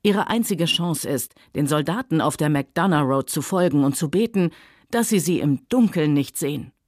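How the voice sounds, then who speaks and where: A woman reading a novel aloud, voicing a worldly, sardonic Southern gentleman who speaks coolly and mockingly. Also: low voice, lively intonation, moderate pace, no echo, clean studio sound. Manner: sardonic, cool, later soft and soothing.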